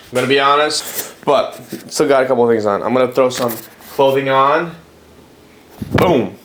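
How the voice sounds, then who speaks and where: A man's voice: mid-range voice, a little hiss or hum. Chatty rambling male fitness vlogger. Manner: rambling, loose, lots of fillers and self-corrections. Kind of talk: casual vlog chat.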